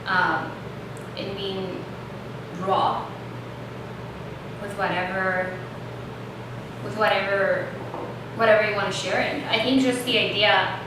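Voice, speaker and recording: A woman from El Salvador, a yoga instructor and dancer, talking as a guest in a casual conversation and pausing thoughtfully to find her words. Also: mid-range voice, fairly even intonation. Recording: echoey room, distant mic, noisy.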